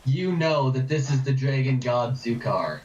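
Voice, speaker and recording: A man's voice: medium pitch, animated, a little slow, a little mellow, reverberant, lo-fi sound. A man running a tabletop game as game master, describing scenes and building suspense. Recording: distant mic.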